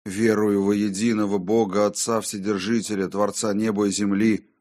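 A man's voice: lowish voice, little pitch movement, moderate pace, darkish tone, lightly acted. A man voicing a terrified medieval mason who speaks strained, pleading and crying out, in an audiobook. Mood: frightened desperate. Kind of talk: audiobook character voice.

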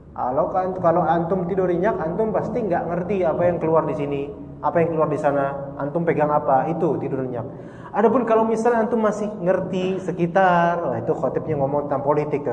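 A slangy, joking man teaches religion, his voice a touch high for a man. He sounds far into a reverberant hall, picked up on a dull, muffled recording with faint room ambience. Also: darkish tone, slight background noise. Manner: joking, slangy, acts out little dialogues. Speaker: Islamic teacher. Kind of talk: casual religious lecture.

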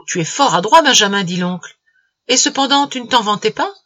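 Woman reading as a calm, dry old uncle. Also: fairly high pitch, a little fast, highs cut off. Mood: calm, patient. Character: calm, plain-spoken older uncle.

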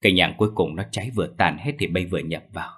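Stern old exorcist, gruff and commanding, deep husky voice, read by a male narrator. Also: very fast, fairly bright tone.

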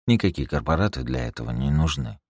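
A man reads a science fiction story aloud in a very deep voice. His intonation rises and falls widely as he tells it. The recording is dry and close, with no room echo. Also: sing-song, fast, gravelly. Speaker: audiobook narrator. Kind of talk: audiobook narration of a sci-fi story.

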